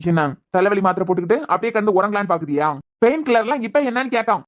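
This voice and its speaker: Woman playing a young husband in a cartoon, talks fast, worried and pushy. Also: medium pitch, expressive, lightly acted. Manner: pressing, gently coaxing. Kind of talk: cartoon voice acting.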